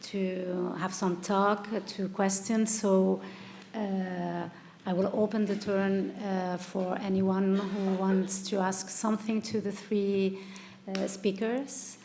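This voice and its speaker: A woman's voice: medium pitch, a little mellow, a little hiss or hum. A woman moderating a seminar panel, politely opening the floor to questions, with some hesitation. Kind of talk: chairing a panel discussion.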